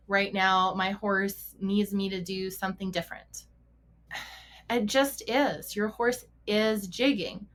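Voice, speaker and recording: A woman's voice: mid-range voice, fairly bright tone. A middle-aged woman hosting a podcast as a mental performance coach for riders, talking casually, asking rhetorical questions, correcting herself and laughing often. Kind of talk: casual solo podcast talk.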